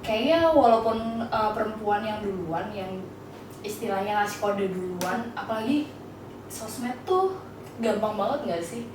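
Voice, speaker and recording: A woman's voice: mid-range voice, animated, unhurried. A young woman in her twenties co-hosting a casual podcast chat, teasing and laughing often. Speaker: podcast co-host. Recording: echoey room, far from mic, faint noise.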